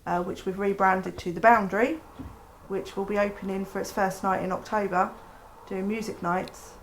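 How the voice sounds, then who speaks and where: A woman's voice: mid-range voice, steady tone, moderate pace, slight background noise. A woman speaking matter-of-factly in an interview.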